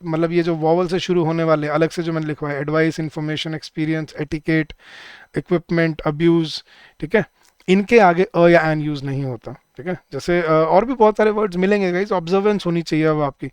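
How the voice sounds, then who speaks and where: A man teaching a live online class for bank exam students, speaking Hindi, repeating each word slowly and drilling the rules, with words said. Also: a little high, fairly even intonation, clear, resonant tone, no room sound.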